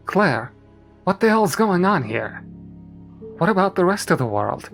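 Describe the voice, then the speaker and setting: A man's voice: high-pitched, very animated, unhurried, gravelly, a bit bright, faint music behind, pitched above the performer's own voice, full character voice. A man voicing a desperate, pleading teenage sister in a horror story. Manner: urgent, pleading.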